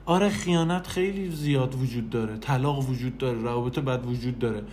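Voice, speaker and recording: A man giving an animated motivational talk, speaking straight to the listener and repeating phrases for emphasis. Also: medium pitch, slight background noise. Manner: animated, repetitive, addresses listener directly. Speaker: self-help speaker.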